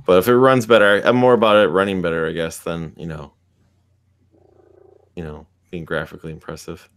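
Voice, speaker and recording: A man's voice: low-pitched, little pitch movement, fairly quick, smooth. A man chatting casually on a video call, rambling with many restarts and fillers.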